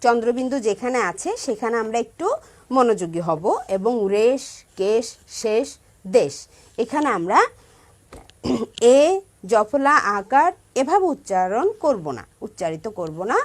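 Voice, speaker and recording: A woman's voice: fairly high pitch, expressive, unhurried. A woman music teacher giving a song lesson to primary school children, patiently stressing careful pronunciation and checking in with her pupils. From Bangladesh.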